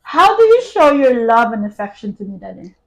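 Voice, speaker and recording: Woman, slightly high voice, chatty mukbang co-host, laughs a lot, trails off quietly. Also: sing-song, a little fast. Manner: chatty, laughs often, voice trails off softly at phrase ends. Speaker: wife and vlog co-host. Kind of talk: casual mukbang chat while eating.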